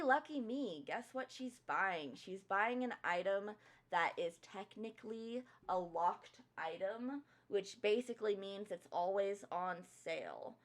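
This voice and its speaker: Sassy young woman telling a story. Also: on the low side. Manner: sassy, swears freely, lively retelling. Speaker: streamer. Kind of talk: casual storytelling chat.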